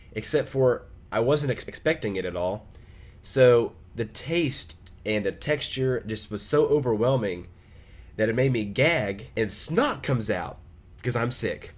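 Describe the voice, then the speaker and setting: A young man from Oklahoma telling a funny story to his vlog camera in a casual, animated way, with quick asides. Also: on the low side. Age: young adult. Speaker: vlogger.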